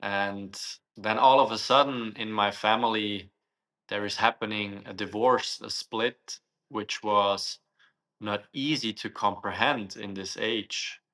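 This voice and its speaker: Young guy, interview guest, lowish voice, slow and searching for words. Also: fairly even intonation, bright, forceful tone. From Switzerland. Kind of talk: interview answers.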